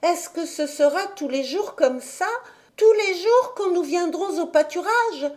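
A woman voicing an eager, curious little mountain girl asking questions in a high voice. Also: animated, a little slow, darkish tone.

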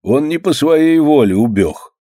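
A man voicing a stern, plain-spoken old fisherman with gruff, folksy speech. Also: a little high, lively intonation, unhurried, warm tone, no room sound, clean studio sound, pitched above the performer's own voice. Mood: reproachful.

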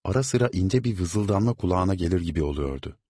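A man narrating an audiobook in a measured, steady reading. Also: low voice, husky, no echo, studio quality. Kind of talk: scripted narration.

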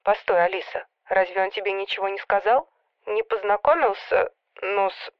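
A woman's voice: medium pitch, normal speed, dry recording, dull audio, natural voice. Woman voicing a whiny, pleading sister. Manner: soft, coaxing and whiny. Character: anxious, pleading young woman, the heroine's sister. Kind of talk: audiobook character voice.

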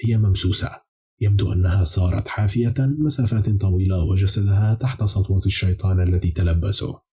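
A man's voice: sits low, a little fast, dark tone, breathy edge, full character voice. A man voicing a chorus of cold, ominous enslaved demons in an audiobook, speaking in a grave, warning tone. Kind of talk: audiobook character reading.

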